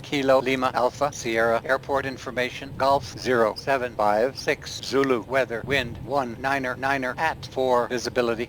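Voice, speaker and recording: Automated airport weather broadcast, guy's voice, flat clipped letters and numbers, bit of faint hum behind. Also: medium pitch.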